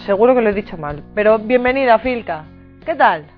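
A woman's voice: a little high, lively intonation, brisk. A woman hosting an interview, asking questions in a friendly, informal way. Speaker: host. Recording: muffled with faint music.

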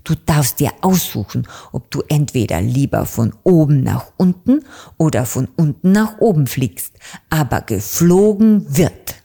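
A woman's voice: sits low, expressive, measured pace, creaky, mellow, breathy edge, exaggerated voice. A woman voicing a strict, imposing female raven councillor in a children's audiobook, speaking severely and thunderously. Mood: stern, commanding.

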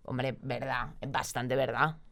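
A woman's voice: very deep voice, little pitch movement, slow, vocal fry, a bit bright. A woman from Spain with a Spanish accent, co-hosting a casual chat show and talking freely, with casual swearing. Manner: chatty, swears casually, calls her co-host "tía". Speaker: vodcast co-host.

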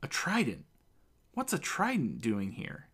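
A man voicing a calm, level-headed male warrior companion who speaks in a steady, reasoning way. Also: mid-range voice, measured pace, gravelly, slightly rough, full character voice.

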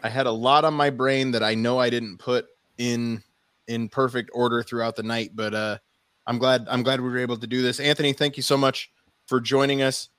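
Rapid-fire male host, grateful and upbeat, dry close audio. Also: mid-range voice, level tone, a bit bright, dry recording. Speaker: podcast host. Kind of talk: casual chat.

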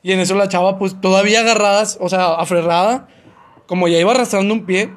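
Young Mexican man, rapid high-pitched storyteller, slangy, faint noise behind. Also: steady tone. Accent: Mexican Spanish. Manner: fast, slangy, makes sound effects and voices. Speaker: podcast co-host telling a story. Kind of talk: casual chat, storytelling.

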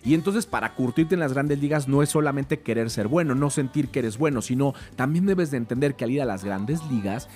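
A man with a Mexican accent retelling a film in an animated, chatty way, full of fillers. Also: mid-range voice, fairly quick, few pauses, faint music behind. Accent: Mexican Spanish. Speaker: film commentator.

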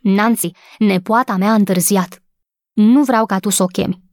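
A woman's voice: mid-range voice, expressive, no room sound, lightly acted. Severe middle-aged aunt read by a woman, curt, dry close sound, storybook. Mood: stern.

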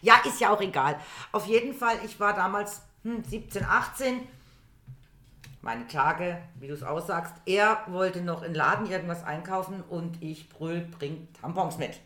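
A woman's voice: fairly low pitch, moderate pace. Woman in her fifties, echoey room. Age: 50s. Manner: lively storyteller, hesitant with many fillers. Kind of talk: casual chat, telling anecdotes. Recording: roomy echo.

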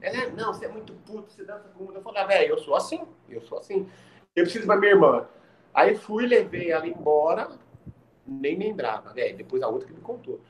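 A man telling a boastful, animated story in casual podcast chat over a video call. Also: high voice, quick pace, a little hiss or hum, rough recording.

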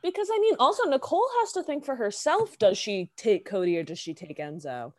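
A young adult woman co-hosting a podcast in casual, animated chat, swearing and laughing easily. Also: mid-range voice, fairly quick. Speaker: podcast co-host.

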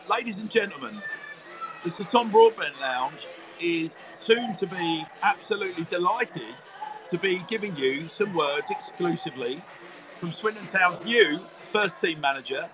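Live from a football commentary box, a man with a high-pitched voice speaks at normal speed, commentating and interviewing in a wordy, informal way. The stadium broadcast is noisy, with a crowd and clear stadium ambience behind him.

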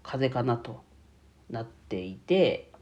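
A bookkeeping YouTuber and streamer chats casually to his listeners on a solo stream, his voice nasal and stuffy from a cold. It's mid-range, very animated, slow and a little mellow, with the highs cut off.

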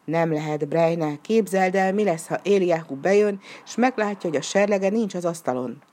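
A woman's voice: fairly low pitch, warm tone, natural voice. A woman voicing a poor, pious old man who speaks meekly and with resignation in a storybook reading. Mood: pleading. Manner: meek, resigned.

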